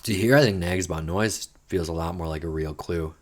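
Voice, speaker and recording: Working through a crossword alone on his podcast, a man with a low voice talks fairly quickly in his native English. His casual puzzle chat is full of thinking aloud, rambling tangents, and light cursing.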